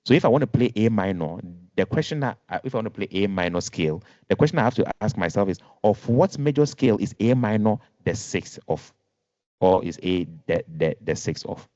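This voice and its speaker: Low-voiced man teaching music on a video call. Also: lively intonation, brisk, mellow, dry recording. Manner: patient, repeats and rephrases, counts notes aloud. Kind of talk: online music lesson. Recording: dull lo-fi video call audio.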